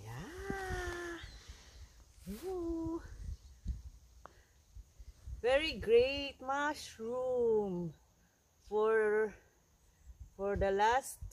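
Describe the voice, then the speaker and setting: Excited woman vlogging in a forest. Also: fairly high pitch, husky. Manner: excited exclamations, mixing English and German. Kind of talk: casual vlog narration. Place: outdoors in a forest.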